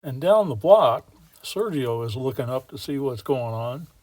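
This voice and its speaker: A man's voice: medium pitch, lively intonation, a little slow, darkish tone, dry recording. A man telling a work story in a folksy, wry way, using casual slang as a model railroad builder. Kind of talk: storytelling narration.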